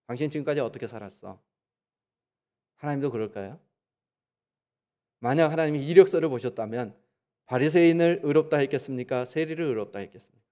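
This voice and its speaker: Man preaching with rhetorical questions. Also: a little mellow. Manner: asks the congregation rhetorical questions; acts out quoted voices with sudden pitch jumps. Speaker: pastor. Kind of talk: Sunday sermon. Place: church sanctuary.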